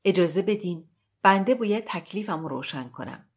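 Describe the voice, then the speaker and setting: A woman voicing a flustered, fussy middle-aged male train traveler, polite at first and quick to take offense. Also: fairly low pitch, expressive, breathy edge. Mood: indignant.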